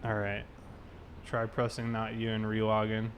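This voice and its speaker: A man with a lowish, monotone voice talks at a moderate pace while livestreaming a police roleplay game. He chats casually and gives his viewers a friendly greeting, with background noise clearly audible behind him.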